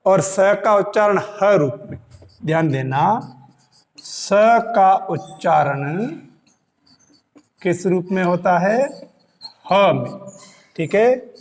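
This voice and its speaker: Slow, deliberate male teacher in a reverberant room. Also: high-pitched, lively intonation. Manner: slow, repeats key points, "dhyan dena" reminders. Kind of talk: exam-prep lecture.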